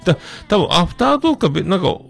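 A man in his forties hosting a casual solo podcast, rambling and self-deprecating, with many drawn-out fillers. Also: high-pitched, sing-song, vocal fry, faint music behind. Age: 40s. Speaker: podcast host.

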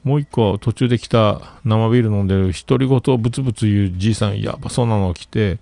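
A man's voice: on the low side, fast talker, gravelly, mellow, no room sound. A man telling a rambling story in casual chat, with many fillers and asides.

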